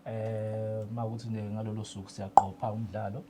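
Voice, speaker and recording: This man, a radio drama technician with a South African accent, gives informal explanations in an indoor radio studio while often slipping English into Zulu. His voice sits on the low side with little pitch movement and a fairly quick pace, over heavy background noise.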